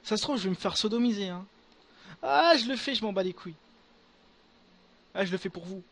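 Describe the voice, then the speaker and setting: Young male gamer, high bright voice, excitable, crude casual commentary. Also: brisk. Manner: excitable, crude slang, talks to viewers. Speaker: gaming video creator.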